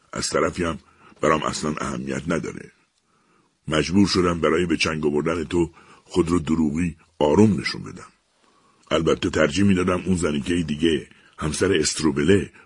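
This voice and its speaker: A man voicing a cruel, lying talking machine, slow, heavy and harsh in its speech. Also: very deep voice, husky, dry recording, studio quality, exaggerated voice. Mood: cold, gloating.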